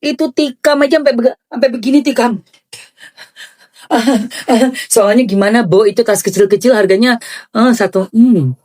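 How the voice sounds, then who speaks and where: A woman's voice: fairly high pitch, brisk, a little mellow. Gushing woman. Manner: gushing, exclamatory, chatty slang. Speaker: celebrity gossip commentator. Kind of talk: excited reaction commentary.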